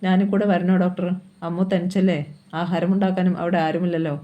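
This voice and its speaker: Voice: mid-range voice, little pitch movement, brisk, dark tone, muffled recording, close to an everyday voice. A caring woman friend, read by a storyteller. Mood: concerned. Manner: concerned, helpful offers.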